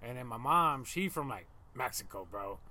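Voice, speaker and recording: A man's voice: mid-range voice, expressive, moderate pace, sharp tone. A man from North Portland, a podcast guest in a backyard, telling casual anecdotes in slangy, joking talk. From North Portland, Oregon. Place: backyard of a house, outdoors.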